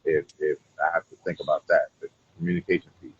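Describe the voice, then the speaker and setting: Deep, husky man chatting casually. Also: level tone, fast talker, dry recording, dull audio. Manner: rambling, repeats "you know what I'm saying". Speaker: cigar brand owner being interviewed. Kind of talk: casual conversational interview.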